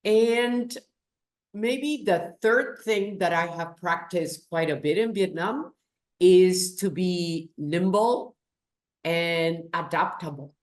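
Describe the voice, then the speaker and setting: Slow-speaking Peruvian-born woman, echoey room. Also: fairly low pitch. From Peru. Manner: slow, thoughtful, emphatic. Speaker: guest, business executive. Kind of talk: interview.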